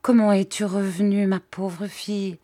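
A woman's voice: medium pitch, level tone, unhurried, mellow, dry recording, clean studio sound, lightly acted. A woman voicing an older female farm servant who is blunt and affectionate, with rustic dropped syllables. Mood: tearful.

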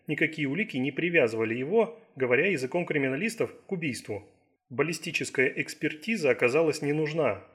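A man narrating an audiobook thriller in a steady, measured reading. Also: a little high, husky. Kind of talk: scripted narration.

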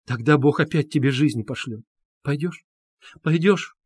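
A man's voice: fairly high pitch, unhurried, breathy edge, no room sound, clean studio sound, pitched above the performer's own voice. A man voicing a desperate young woman who pleads with raised, insistent voice in an audiobook. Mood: pleading. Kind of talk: audiobook character reading.

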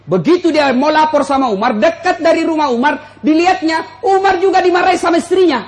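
A man preaching a humorous sermon to a live audience, addressing them directly and acting out quotes with big jumps in pitch. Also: expressive, fairly quick. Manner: jokes, addresses listeners directly. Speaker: Islamic preacher.

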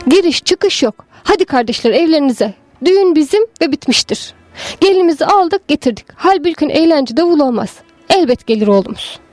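A woman's voice: high voice, expressive, a little fast, darkish tone, soft background music, pitched above the performer's own voice. A woman voicing a stout aging village man who is anguished and calls out urgently, reading from a story.

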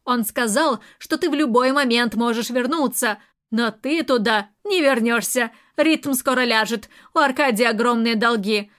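A woman's voice: fairly high pitch, moderate pace, fairly bright tone, lightly acted. Woman reading as a sarcastic, lecturing stern aunt. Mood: scornful. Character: stern sharp-tongued aunt, middle-aged woman. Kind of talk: audiobook character reading.

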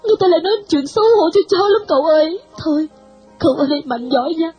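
A woman's voice: high-pitched, animated, very fast, darkish tone, faint music behind, voice pushed up. A woman voicing a distraught young woman who pleads through tears. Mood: tearful. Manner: tearful, pleading.

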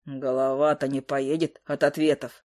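Lady doing a grumpy sulky owl guy, low and mumbly. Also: little pitch movement, normal speed, darkish tone, dry recording, clean studio sound. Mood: grumbling. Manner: grumbling, sullen.

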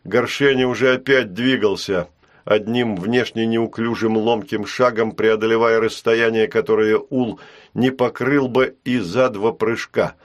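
A man narrating an audiobook in an even, measured reading. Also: lowish voice, highs cut off.

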